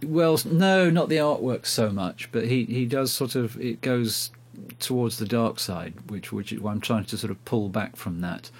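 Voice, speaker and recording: This radio host is a man whose husky, medium-pitched voice moves a little slowly and with hardly any pauses. Speaking into a handheld recorder like a dictaphone while on a phone call, he keeps the chat casual, hesitant and self-deprecating.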